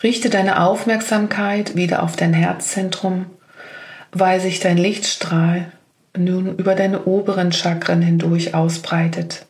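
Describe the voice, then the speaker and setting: Slow, flat-voiced woman guiding meditation. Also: on the low side. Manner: slow, gentle spoken instructions. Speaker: meditation guide. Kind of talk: guided meditation.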